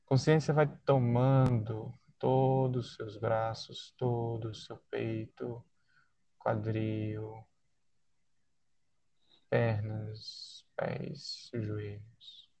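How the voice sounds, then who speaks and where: Man, Brazilian accent, guided body-scan relaxation, soothing delivery, very slow, dark mellow timbre, pauses between phrases. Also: fairly low pitch, level tone, no room sound. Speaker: guided meditation leader.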